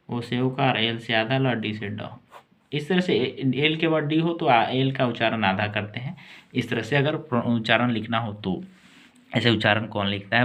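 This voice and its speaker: Male tutor with a mid-range voice who walks beginners through spelling and meanings slowly and patiently. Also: medium pitch. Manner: spells words out letter by letter and drags out key words. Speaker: English teacher and channel host. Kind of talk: slow spelling lesson for beginners.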